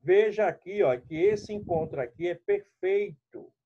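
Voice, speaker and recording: A man's voice: high voice, lively intonation, unhurried. A man teaching a lesson, explaining rules step by step and speaking straight to his students. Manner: explanatory, addresses students directly. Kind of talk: classroom lesson. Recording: dull lo-fi recording.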